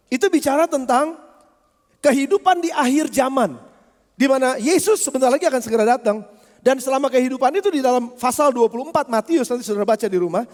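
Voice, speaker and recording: A male pastor delivers a lively sermon, pushing his words out loudly and then dropping into quiet asides. His voice sits very high for a man. The long reverb of a church hall hangs behind every phrase. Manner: lively preaching, swings from loud emphasis to low asides.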